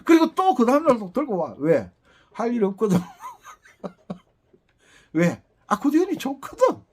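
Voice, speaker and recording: A man's voice: high-pitched, wildly swooping pitch, takes it slowly. A middle-aged man with a Gyeongsang Korean accent, teaching an accordion lesson in a chatty, rambling way with teasing asides. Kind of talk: casual lesson talk.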